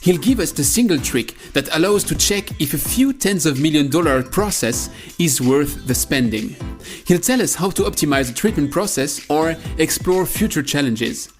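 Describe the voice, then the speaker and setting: A man's voice: fairly high pitch, expressive, normal speed, faint music behind. A man hosting a podcast, opening the show from a script and then asking a guest polite, eagerly worded questions. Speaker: podcast host. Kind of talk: scripted intro and interview questions.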